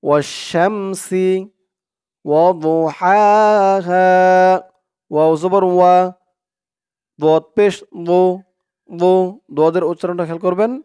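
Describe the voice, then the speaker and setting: A man with a high, smooth, clear voice teaches recitation in a spoken lesson. He spells words out letter by letter and draws out the long vowels. The sound is dry and close, with no room echo. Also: steady tone, normal speed, pauses often, mellow.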